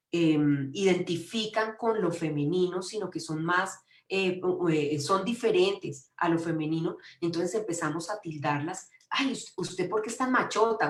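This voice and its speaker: A woman giving a conference lecture, speaking emphatically and often restarting her sentences. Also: fairly low pitch. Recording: echoey room.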